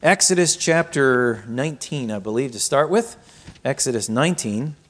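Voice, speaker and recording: A man's voice: medium pitch, lively intonation, moderate pace, a bit bright. A man preaching a sermon as pastor, reading scripture aloud and reflecting on it with rhetorical questions.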